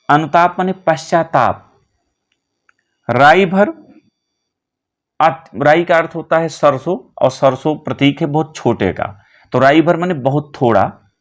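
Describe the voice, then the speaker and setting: A man teaching a poem line by line, slowly glossing word meanings one by one. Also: fairly high pitch. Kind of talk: line-by-line poem explanation lesson.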